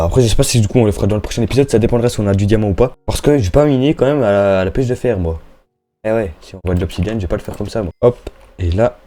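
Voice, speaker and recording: A young man with a lowish, dark-toned voice plays Minecraft for his YouTube channel. He chats in a casual, slangy way, thinking aloud as he goes.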